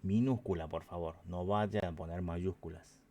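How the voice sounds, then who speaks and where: A man's voice: low-pitched, fairly even intonation, moderate pace, dark tone. A man teaching an online math lesson, patient and explanatory, often checking in with his students.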